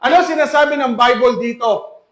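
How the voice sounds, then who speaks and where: A man's voice: very high voice, normal speed, a bit bright, echoey room. A man preaching an emphatic sermon as pastor, full of rhetorical questions to the congregation. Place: church hall.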